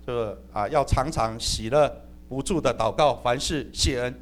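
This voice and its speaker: A middle-aged male pastor preaching with a high voice that keeps leaping up and down. He is humorous and animated and often calls out amen and hallelujah. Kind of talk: sermon.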